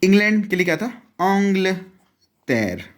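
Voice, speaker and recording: A man's voice: mid-range voice, expressive, a little fast. A young man, teaching French step by step and mixing in English phrases. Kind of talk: explaining a lesson.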